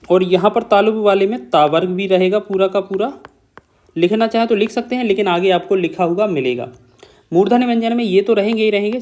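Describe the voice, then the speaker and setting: A man's voice: high-pitched, a little mellow. A man teaching an exam-prep lesson on Hindi grammar, explaining step by step, repeating key points and checking in with the listener.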